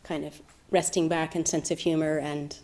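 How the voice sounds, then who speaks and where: Soft-spoken woman teaching meditation. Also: low voice, level tone, normal speed. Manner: soft-spoken, thoughtful, with gentle laughs. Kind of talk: reflective dharma talk.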